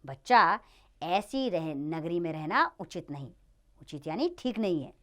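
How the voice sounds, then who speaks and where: A woman's voice: fairly low pitch, lively intonation, measured pace, voice pushed down. A woman voicing a wise old male guru who earnestly warns his disciple in a children's play reading. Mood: advising. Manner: earnest, advising.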